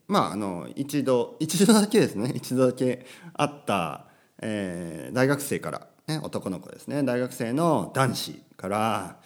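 Low-voiced man chatting in a lively way. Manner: chatty and rambling, tags phrases with "ne" and fillers. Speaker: podcast host. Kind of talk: casual monologue for language learners. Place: home with a washing machine running.

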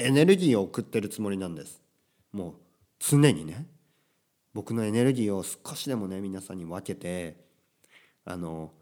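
A man's voice: on the low side, a little mellow. A Japanese man hosting his own podcast, talking casually and energetically with many little tag questions. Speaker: podcast host teaching Japanese. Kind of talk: casual solo podcast talk.

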